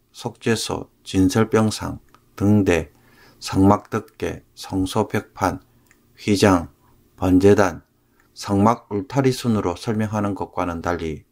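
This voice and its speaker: A man, a pastor, explaining a scripture passage in a measured sermon, phrase by phrase. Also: lowish voice, a little mellow.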